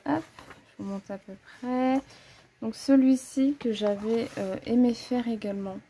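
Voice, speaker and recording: Slightly high and steady, this woman speaks unhurriedly in a warm voice over a faint hiss or hum. She's a coloring-book hobbyist casually showing her collection to the camera, chatting, thinking aloud and correcting herself. She hesitates often and keeps dropping "voilà" as a filler.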